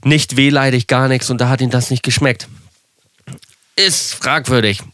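Young male podcaster, dry close sound, rambling candid storytelling, mid-pitched voice. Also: steady tone, normal speed, fairly bright tone, no room sound. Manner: rambling, self-correcting, candid with wry asides. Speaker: podcast host.

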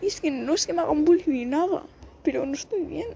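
A woman from Spain with a Spanish accent, speaking a halting, confessional monologue on the edge of tears, repeating and restarting her phrases. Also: high-pitched, creaky, mellow, a little hiss or hum. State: close to tears. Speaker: vlogger. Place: outdoors, people passing by.

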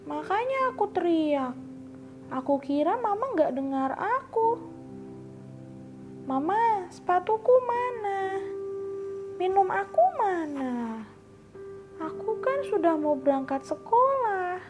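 A woman voicing a loud, demanding little girl who shouts for her mother, with a shrill whiny manner, in a bedtime storybook. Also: expressive, slow, pauses often, over music, exaggerated voice.

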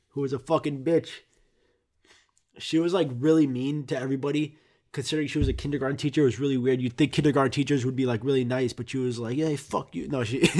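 In a casual comic monologue, a male podcast host with a mid-range, darkish voice rambles through childhood stories, swearing and cutting himself off.

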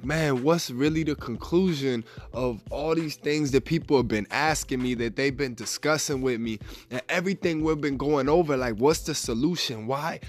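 A man with a mid-range, stuffy, slightly raspy voice hosts a faith podcast. He's upbeat and casual, often dropping "man" and "y'all."

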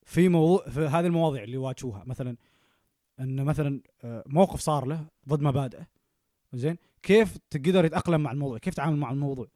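A young man speaking in a casual podcast chat. His voice sits a little high, and he talks at a very fast, animated clip. The sound is dry and close, with almost no room echo. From Oman. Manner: animated, rapid, checks in with "okay?" often. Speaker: podcast co-host.

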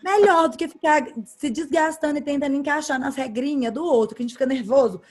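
A woman's voice: high-pitched, brisk, faint music behind. A woman talking frankly and emphatically in a casual group chat.

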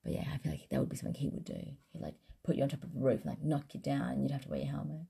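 A woman's voice: very deep voice, little pitch movement, rapid-fire, creaky, mellow, husky. A woman co-hosting a casual, joking chat. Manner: informal, joking. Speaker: podcast co-host.

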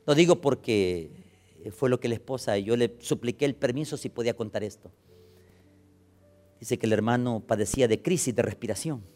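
A male pastor preaching a sermon, swinging from hushed, near-whispered lines to loud, impassioned calls, often acting out the voices of the dying. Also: mid-range voice, normal speed.

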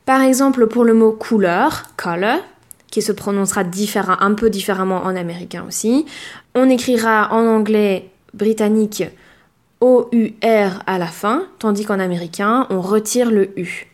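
A woman teaching a language lesson, speaking clearly and measuredly, and slowing down to model words. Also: mid-range voice, a little mellow. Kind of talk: explaining a lesson.

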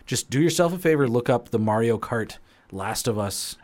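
A young man co-hosting a podcast, excitable and swearing in casual chat. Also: medium pitch, moderate pace. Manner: excitable, swears, restarts often. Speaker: podcast co-host.

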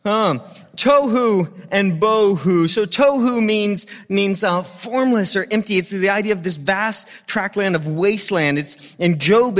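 A man preaching a sermon, teaching scripture with dramatic emphasis, repeated phrases and informal asides. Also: high voice. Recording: long reverb of a large hall.

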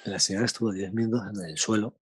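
Husky young Spanish man telling a story. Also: lowish voice, fast talker, dry recording. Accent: Spain Spanish. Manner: animated anecdote, slangy, chuckling. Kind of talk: casual chat.

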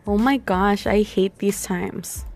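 A woman with a mid-pitched voice reacts casually to videos. She rambles slowly and gushes informally, with faint music behind her. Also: fairly even intonation, creaky, a little mellow.

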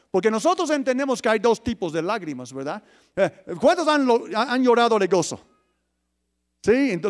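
Man, pastor, very high-pitched, sermon, rhetorical questions, loud and soft swings. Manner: lively preaching with rhetorical questions, swings between loud emphasis and soft asides.

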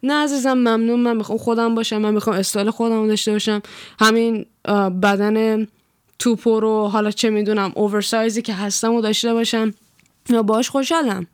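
A young woman from Iran, a vlogger talking in a blunt, profane, animated rant, laughing as she goes. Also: a little high, clear, resonant tone, no echo, clean studio sound. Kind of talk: casual chat.

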